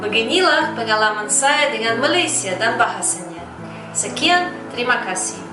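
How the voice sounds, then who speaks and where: A woman's voice: fairly high pitch, lively intonation, moderate pace. A middle-aged woman from Moscow, a native Russian speaker with a Russian accent, gives a prepared personal testimonial as a foreigner speaking fluent Indonesian-Malay. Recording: roomy, distant mic, music behind.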